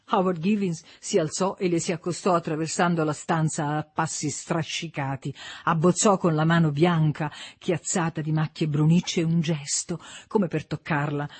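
A man reading literary fiction aloud as narrator, calm and even. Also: fairly high pitch, breathy edge, dry recording. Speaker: audiobook narrator.

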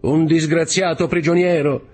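A man reading an audiobook voices a young sailor locked in a cell, pleading and urgent, with a husky tone. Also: a little high, steady tone, normal speed, a little mellow, faint music behind, pitched above the performer's own voice, natural voice. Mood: earnest. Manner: raised, urgent and imploring. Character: young male sailor prisoner, desperate and pleading.

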